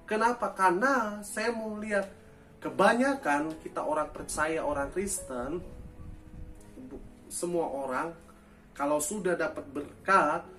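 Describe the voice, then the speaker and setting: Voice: mid-range voice, bright, forceful tone, recorded from a distance. A pastor preaching a sermon with emphatic rhetorical questions and apologetic asides.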